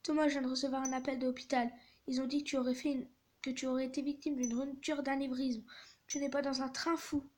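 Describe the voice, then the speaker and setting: A woman's voice: high voice, level tone, fast, darkish tone, slight background noise, lightly acted. A woman reading the lines of a remorseful, loving mother in a text-message story, earnest and tender.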